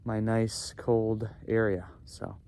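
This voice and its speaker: A young man chatting casually to camera outdoors, halting and pausing as he bears the cold. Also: fairly low pitch, level tone, dark tone. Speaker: vlogger. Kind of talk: casual unscripted vlog chat to camera. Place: outdoors in cold stream under a small bridge. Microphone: handheld phone or camera. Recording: clear outdoor background noise, ambience.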